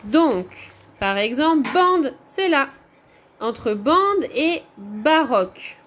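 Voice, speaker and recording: A woman's voice: sits high, sing-song, fairly bright tone, slight background noise. A woman teacher with a French accent, patiently walking young pupils through the corrections of their homework, step by step. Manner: slow, patient, pointing things out step by step. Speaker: primary school teacher.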